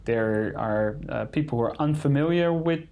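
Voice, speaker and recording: Non-native English-speaking man, creaky, careful wording. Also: medium pitch, normal speed, darkish tone, a little hiss or hum. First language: not English. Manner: careful English, searching for words. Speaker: conservation photographer being interviewed. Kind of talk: conversational interview answers.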